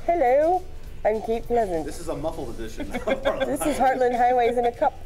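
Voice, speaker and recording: A woman's voice: a little high, expressive, moderate pace, over music. A woman show host joking around, her voice muffled from talking into a cup in a playful mock-announcer way. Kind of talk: joking outtake banter.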